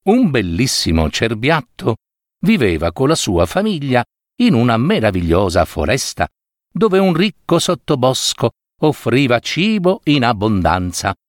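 A man reading fables aloud as a storyteller, expressive and lingering. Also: mid-range voice, unhurried, no room sound, studio quality.

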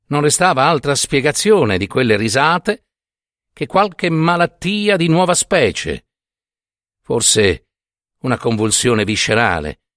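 A man narrating a literary short story with expressive, theatrical phrasing. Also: mid-range voice, no echo, clean studio sound. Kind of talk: dramatic audiobook narration.

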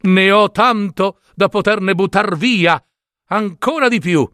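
A man's voice: high-pitched, slow pace, fairly bright tone, dry recording, studio quality, pitched above the performer's own voice. A man voicing a bold, foolish young peasant who talks in a cheerful, cheeky drawl.

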